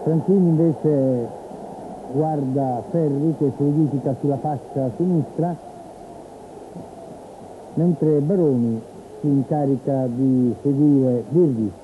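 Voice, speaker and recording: A man from Italy giving live football play-by-play commentary on television, in a measured, descriptive way with pauses. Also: mid-range voice. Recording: tinny phone-like old TV broadcast, noisy stadium. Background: stadium ambience.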